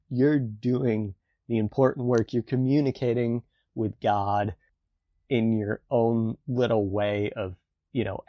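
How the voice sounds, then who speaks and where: A man with a nasal voice giving a casual spoken film review, halting with many restarts. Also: fairly low pitch, mellow, no echo, muffled recording. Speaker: novelist and film commentator.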